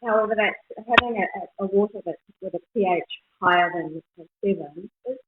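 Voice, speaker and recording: A woman's voice: mid-range voice, fairly quick. Woman on a choppy, noise-gated video call. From New Zealand. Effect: video-call noise reduction cutting out her voice, muffled as if underwater. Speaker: call-in guest. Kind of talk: casual radio chat. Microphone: laptop on a video call. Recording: dull lo-fi call audio.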